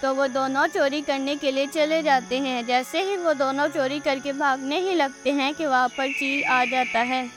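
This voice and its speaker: A woman's voice: sits high, fairly even intonation, normal speed, hardly any pauses. A woman narrating a cartoon moral story in a plain, scripted storybook style. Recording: faint music behind the voice.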